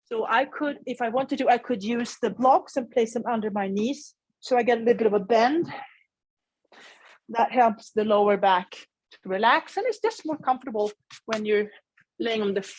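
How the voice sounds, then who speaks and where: Calm lady yoga teacher doing a guided meditation, soothing n unhurried, pretty dry close sound. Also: fairly high pitch, slightly rough, dry recording, low-quality recording. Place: indoor room in an old house, dry close sound.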